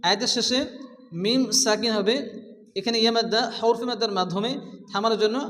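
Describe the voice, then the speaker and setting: Brief: very high, bright male teacher's voice, chants verses slowly then rattles off the reading rules, long reverberant echo. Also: steady tone. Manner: alternates slow chanted recitation with rapid rule explanations. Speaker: Quran recitation teacher. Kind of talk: Quran recitation lesson.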